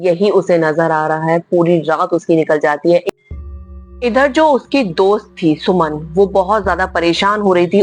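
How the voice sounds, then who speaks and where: Over faint background music, a woman tells a horror story with dramatic emphasis, often insisting things were "very much" frightening. Her voice sits on the low side with a darkish tone.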